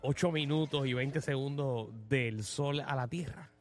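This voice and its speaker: A man's voice: mid-range voice, unhurried, soft background music. A man co-hosting a casual radio talk show, playful and teasing with callers. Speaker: radio co-host.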